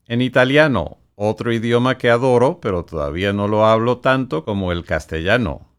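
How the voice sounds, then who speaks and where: Hosting his podcast, a director whose first language is English reads sponsor spots and speaks in a measured, announcer-like manner. His low voice has a clean tone and lively intonation.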